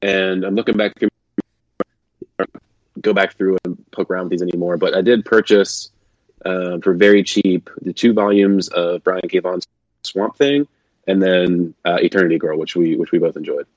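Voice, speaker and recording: Recording from a makeshift setup at a conference away from home, this podcast host speaks at normal speed in a steady, low, slightly mellow voice with no echo. The casual chat is easygoing and full of fillers and restarts. A slightly robotic, metallic quality colors the dull, dry lo-fi sound.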